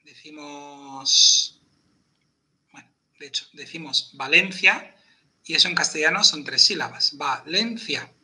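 A man's voice: fairly high pitch, unhurried, pushed and bright. A man explaining pronunciation rules step by step in a patient teaching chat, checking in with his listener. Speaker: podcast presenter teaching Elvish pronunciation.

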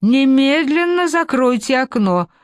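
Woman doing a fussy old granny, high and fluttery, storybook voice, dry sound. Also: measured pace, no echo, natural voice. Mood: fretful. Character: fussing anxious old grandmother.

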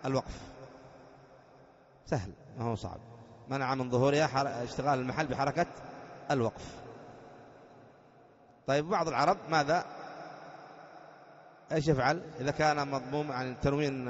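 A man teaching a grammar lesson, explaining patiently, quizzing students with rhetorical questions, and chanting the text slowly when reading it aloud. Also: mid-range voice. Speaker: sheikh teaching Arabic grammar. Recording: dull lo-fi lecture recording in a reverberant hall.

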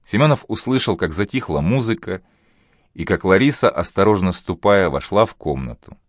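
Very deep-voiced male audiobook narrator. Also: lively intonation, moderate pace, no echo, studio quality.

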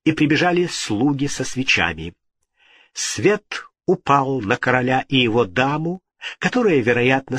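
A man narrates an audiobook slowly, with a lot of rise and fall in his pitch. His voice is husky and a little breathy. It is recorded close and dry, with no room sound. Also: no echo. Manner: expressive, unhurried reading. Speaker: audiobook reader. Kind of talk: scripted narration.

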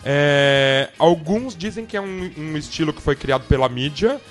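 A fairly high-voiced man co-hosts a loose radio chat, talking through a stuffy head cold. He sounds playful and laughs easily. Faint music plays underneath. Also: normal speed. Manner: playful, giggly, animated. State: has a cold. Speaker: podcast co-host.

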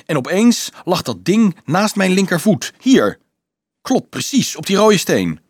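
A man's voice: mid-range voice, big pitch swings, normal speed, husky, no echo, clean studio sound. A man voicing an eager young tanner boy in a storybook reading, tumbling over his explanations.

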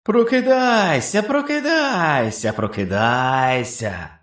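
A man voicing a chorus of jeering beast-men who taunt and chant in slow, drawn-out calls. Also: a little high, a bit bright, voice pushed up.

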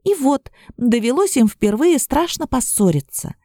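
A woman reading a fairy-tale audiobook in the first person, in an even storytelling manner. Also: sits high, unhurried, no echo, studio quality. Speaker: audiobook reader.

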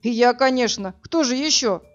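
A woman voicing a cocky, brusque burly man who talks in a hurried, mocking way. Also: on the high side, close to an everyday voice. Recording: dull lo-fi audio, faint music.

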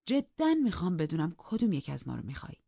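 Woman doing a tired sad young husband in an audiobook, low voice, steady and pushy, muffled lo-fi sound. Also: creaky, slightly rough, dry recording, full character voice. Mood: insistent. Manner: steady, insistent and pleading. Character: weary, sorrowful young gentleman husband. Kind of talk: audiobook character reading.

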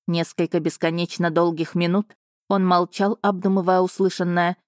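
Female audiobook narrator, low and measured, dry booth sound. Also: darkish tone, dry recording. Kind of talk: first-person audiobook narration.

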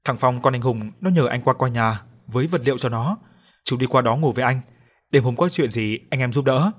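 A man's voice: medium pitch, fairly quick, lightly acted. A man doing a jovial bearded builder uncle. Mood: friendly. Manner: warm-hearted, teasing. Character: jovial middle-aged male builder, bearded and fatherly.

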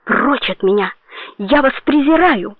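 A woman voicing a desperate, defiant young woman in an audiobook, raising her pitch in anguish, with a tinny sound. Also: expressive, unhurried, no echo. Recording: tinny phone-like dry sound.

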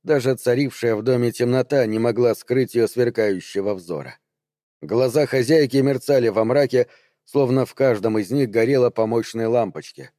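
A man reading an audiobook, narrating in a measured, even storytelling manner. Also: mid-range voice, dry recording, clean studio sound.

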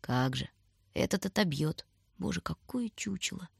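A woman voicing a proud, touchy young girl in an audiobook, shouting desperately over a crowd. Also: low voice, fast, no room sound, studio quality. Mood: scornful.

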